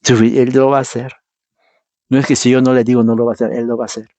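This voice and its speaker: A man's voice: medium pitch, little pitch movement, fast, mellow, no echo, dull audio. A man preaching a Bible teaching sermon, reading verses aloud and explaining them, emphatic and firing rhetorical questions at the congregation.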